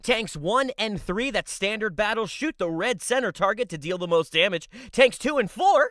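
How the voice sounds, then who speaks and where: Lively booming announcer man. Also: no room sound, studio quality. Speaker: co-host. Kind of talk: announcer-style game rundown. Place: streaming booth in an arcade.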